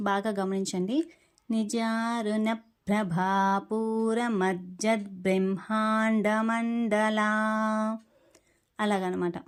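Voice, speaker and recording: Patient woman teaching chant pronunciation. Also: mid-range voice. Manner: patient, spells out syllables slowly when demonstrating. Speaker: devotional teacher.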